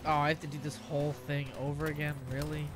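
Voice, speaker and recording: A man's voice: fairly high pitch, completely flat delivery, fast talker, heavy background noise. A young man casually commenting on a video game, reactive and chatty, often laughing and saying "oh man.". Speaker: gaming commentator. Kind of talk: casual let's-play commentary.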